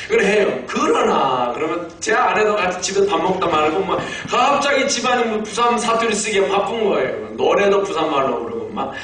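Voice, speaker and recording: A man in his fifties preaching a Korean sermon as pastor, animated and humorous, having the congregation repeat lines after him. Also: high voice, moderate pace, few pauses, slight background noise. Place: church sanctuary. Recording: echoey church hall miked from a distance.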